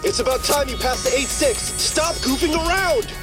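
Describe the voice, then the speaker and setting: A woman's voice: high voice, expressive, normal speed, over loud music. An actress playing a bossy, impatient female race team radio operator in an anime dub, curt and scolding.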